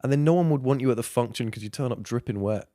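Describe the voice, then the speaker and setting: A man co-hosting a casual podcast, deadpan and sarcastic, swearing casually. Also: medium pitch, racing, dry recording, studio quality. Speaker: podcast co-host. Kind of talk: casual chat.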